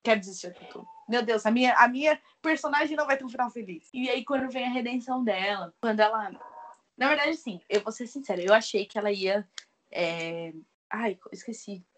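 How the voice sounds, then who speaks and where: A woman co-hosting a podcast in casual chat, animated and expressive, acting out characters' lines as she talks. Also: fairly high pitch, brisk, a little hiss or hum. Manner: animated, acts out character dialogue in quoted voices; expressive, frequent laughs and exclamations. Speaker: podcast co-host reviewing books.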